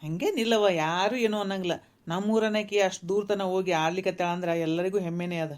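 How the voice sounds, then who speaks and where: A woman voicing a patient young married man in a cartoon, reasoning gently with his mother. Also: medium pitch, steady tone, fairly quick, a little hiss or hum, close to an everyday voice. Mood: calm. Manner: pleading, reasoning, soothing. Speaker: voice actor. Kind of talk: cartoon voice acting.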